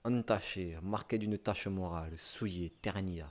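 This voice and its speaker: A man's voice: low voice, measured pace, darkish tone. A man with a southern French accent, a streamer reading dictionary definitions aloud live in short listed phrases, with offhand asides. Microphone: streaming microphone.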